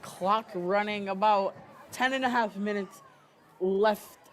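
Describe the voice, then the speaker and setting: A young man co-commentating a high school football game, casual and a bit halting. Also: fairly even intonation, fairly bright tone. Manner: casual, halting, breaks into laughter.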